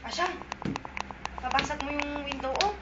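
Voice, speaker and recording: A woman's voice: sits high, steady tone, moderate pace. A woman coaxing and pleading, asking the same questions again and again, recorded at home on a handheld camera. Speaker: parent comforting a crying relative. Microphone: handheld camera mic. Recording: muffled home video with noise.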